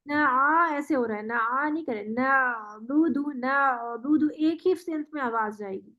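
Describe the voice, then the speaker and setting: High-voiced woman teaching recitation. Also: lo-fi sound. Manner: patient, models words slowly and praises often. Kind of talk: online tajweed lesson.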